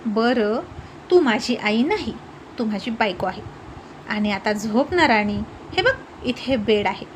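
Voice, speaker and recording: A woman voicing an exasperated young husband who pleads and explains slowly in a storybook reading. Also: a little high, expressive, a little hiss or hum. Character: exasperated young husband coaxing his wife. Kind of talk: storybook narration.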